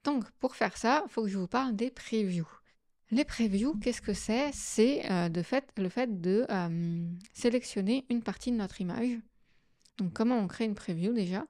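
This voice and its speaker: A woman hosting a software tutorial, explaining each step casually with frequent fillers. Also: mid-range voice, normal speed, no room sound, clean studio sound. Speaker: astrophotography tutorial host. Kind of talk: screen-recorded software tutorial.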